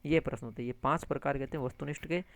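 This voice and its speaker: A man teaching an exam-prep lesson, animated, repeating key terms and addressing listeners as friends, with English words mixed into his speech. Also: mid-range voice, racing, no room sound. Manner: mixes English words into lecture.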